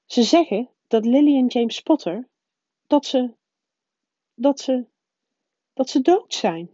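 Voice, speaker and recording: A woman reading aloud voices a stern older female professor who talks in a high, urgent, faltering way. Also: lively intonation, slow, mellow, no echo, exaggerated voice. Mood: shaken, tearful. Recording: dull, dry lo-fi recording.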